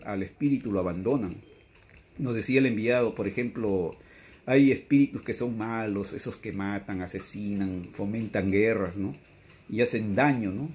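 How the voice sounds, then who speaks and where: A man's voice: lowish voice, a little mellow. A man, giving an earnest, repetitive spiritual teaching and often quoting a messenger. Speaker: religious teacher.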